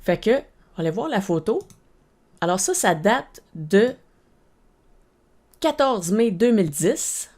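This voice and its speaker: A woman with a Québécois French accent tells a personal story straight to camera. She talks in a casual, animated way, with plenty of fillers and quick restarts. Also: medium pitch. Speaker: vlogger.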